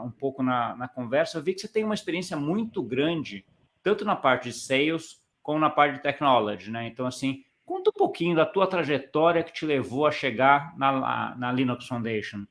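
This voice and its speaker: A man's voice: medium pitch, a bit bright. Man hosting an interview. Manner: friendly, tag questions, frequent restarts. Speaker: interview host.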